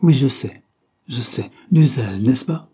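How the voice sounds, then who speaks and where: A man voicing an indulgent, skeptical head usher calming two visitors in a storybook reading. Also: on the high side, moderate pace, breathy edge, voice pushed up. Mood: condescending.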